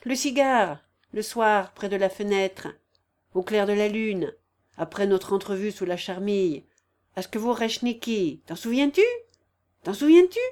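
A woman's voice: mid-range voice, animated, a little slow, darkish tone, natural voice. A woman voicing an imperious aging noblewoman who scolds and gives orders in a raised, emphatic voice. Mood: bitter, reproachful.

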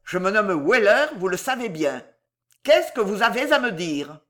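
A reader voicing a gruff, blunt young manservant who scolds and threatens loudly in an audiobook. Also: medium pitch, sing-song, unhurried. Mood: scolding. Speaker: character in an audiobook. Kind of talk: audiobook character reading.

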